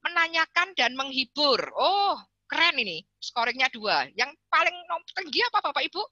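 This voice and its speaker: Woman, chatty playful webinar speaker, sharp bright tone, dry close sound. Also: sits high, sing-song, normal speed, no echo, dull audio. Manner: chatty and playful, addresses the audience often and reads out chat answers. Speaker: psychologist giving a webinar talk to parents. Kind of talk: lively webinar talk.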